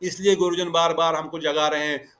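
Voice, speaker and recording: A man with a slightly high voice teaches a devotional scripture class, moving through stories and explanations. He switches freely between Hindi and English and turns to his students with questions. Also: little pitch movement, brisk, a bit bright.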